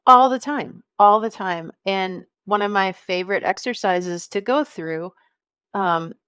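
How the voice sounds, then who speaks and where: This podcast guest, a woman in her fifties, talks about marketing in an unhurried, friendly way, with easy laughter and thinking-aloud fillers. Her medium-pitched voice is a bit bright and clean, and the conversational interview is recorded dry.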